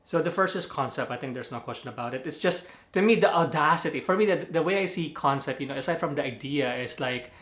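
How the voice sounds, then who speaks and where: Speaking quickly with hardly any pauses, a man from the Philippines reviews a movie casually in his Filipino accent, full of fillers and self-corrections, laughing at his slips. His slightly bright, higher voice echoes in the room.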